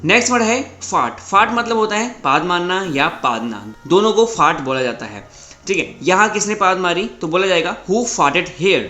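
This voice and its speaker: Bright high-voiced male teacher. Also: big pitch swings. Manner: methodical, repeats each word and says English examples slowly. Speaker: English teacher. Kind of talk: vocabulary lesson. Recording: roomy echo with faint background music.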